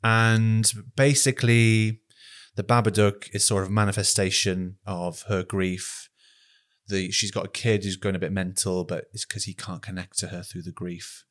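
A man's voice: deep voice, little pitch movement, moderate pace. A man co-hosting a film podcast, chatting casually and laughing as he recaps horror films. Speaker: podcast co-host.

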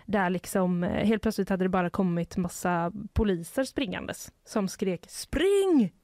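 A woman's voice: fairly low pitch, fairly even intonation, a little mellow, no echo, clean studio sound. A woman reporter co-hosting a news chat, talking loosely and hunting for words now and then. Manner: chatty, searches for words, agreeable. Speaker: newspaper reporter and co-host.

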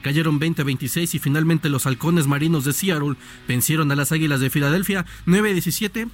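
Mexican sportscaster, brisk and bantering. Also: male voice, on the high side, faint music behind. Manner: brisk newsreading mixed with joking banter. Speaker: sports reporter. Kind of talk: radio sports news.

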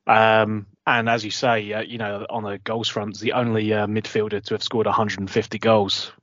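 A man's voice: on the low side, little pitch movement, moderate pace, fairly bright tone, dry recording. Essex-accented man hosting, dry lo-fi sound. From Essex, England. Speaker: podcast host. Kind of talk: casual football panel talk. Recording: dull, lo-fi close recording.

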